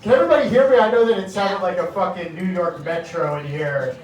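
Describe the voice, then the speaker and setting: A man's voice: high voice, quick pace, lo-fi sound, a crowd in the background. A man doing a nervous stand-up set in a small comedy bar, rambling and cursing with lots of fillers. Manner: rambling, profane, filler-heavy. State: nervous and sweaty. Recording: echoey club room from far off. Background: audience noise and laughter.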